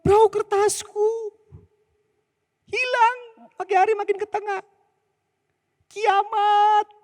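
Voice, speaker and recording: A man voicing a small boy who panics and wails over his lost paper boat, shrill and pleading. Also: sing-song, takes it slowly, a little mellow, exaggerated voice. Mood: panicked.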